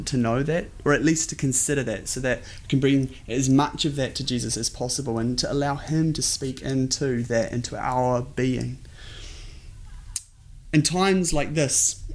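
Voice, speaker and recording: A man with a New Zealand accent giving a conversational sermon as a pastor, earnest and informal, often repeating his phrases. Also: on the high side. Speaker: pastor preaching to an online congregation.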